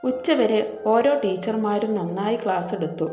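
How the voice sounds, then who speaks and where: A woman narrating a story in a gentle, even voice, reading the characters' lines without changing her voice. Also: medium pitch, normal speed. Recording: echoey room, soft background music.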